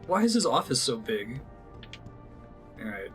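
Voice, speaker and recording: A man's voice: mid-range voice, big pitch swings, a little slow, a bit bright. Wry male game streamer over music. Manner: wry, rambling asides. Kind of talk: casual live game commentary.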